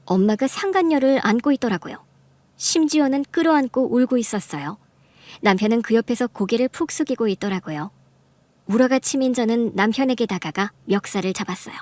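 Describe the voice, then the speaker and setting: A woman's voice: a little high, lively intonation, fairly quick, darkish tone, no room sound, lightly acted. A woman playing a betrayed wife who narrates her story, fierce and accusing in a radio drama. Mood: calm narration. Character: furious betrayed young wife, sharp-tongued.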